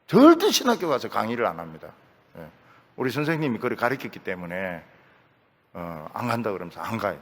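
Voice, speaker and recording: Folksy older pastor, Gyeongsang accent. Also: male voice, lowish voice, wildly swooping pitch, fairly quick. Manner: folksy, joking asides, repeats key phrases. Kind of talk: sermon. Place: church sanctuary. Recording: church hall reverb.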